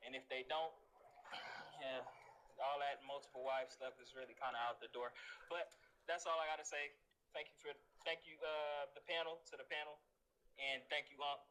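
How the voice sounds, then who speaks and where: Guy with a bright voice, casual, kinda halting, thanking the panel. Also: a little high, flat delivery, a little hiss or hum, rough recording. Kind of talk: casual closing remarks.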